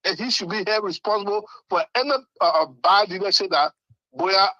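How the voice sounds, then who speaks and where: High, insistent man in a debate. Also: bright, forceful tone, dry recording, lo-fi sound. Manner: insistent, halting, repeats words. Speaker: panel caller putting questions. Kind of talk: argumentative community discussion.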